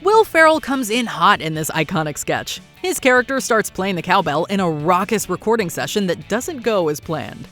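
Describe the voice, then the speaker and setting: A woman narrates a scripted countdown video in a medium-pitched voice. Faint music plays behind her throughout. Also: big pitch swings, moderate pace, few pauses, a bit bright. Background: background music.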